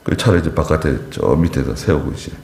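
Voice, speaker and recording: A pastor delivering a Wednesday service sermon, telling stories with emphatic rises and quiet asides. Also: male voice, fairly quick, vocal fry, slight background noise. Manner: animated storytelling, voice rising sharply for emphasis and falling low for asides. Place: church sanctuary. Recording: echoey church hall.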